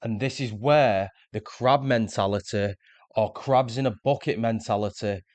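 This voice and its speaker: A man's voice: on the low side, moderate pace, a little mellow, slight background noise. Earnest man explaining self-improvement. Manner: earnest, explanatory, repeats words when restarting. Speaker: self-improvement video host. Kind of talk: scripted motivational monologue.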